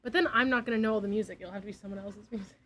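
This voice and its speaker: A woman's voice: medium pitch, fairly even intonation, very fast, fairly bright tone, slight background noise, poor audio. A young woman streaming, chatting casually and giggly, sometimes dropping to a near whisper. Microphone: desk mic.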